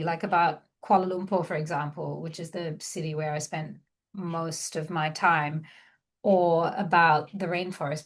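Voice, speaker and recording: Low-voiced reflective woman from Malaysia. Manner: reflective, meandering, with frequent fillers. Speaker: guest writer. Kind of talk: conversational craft discussion.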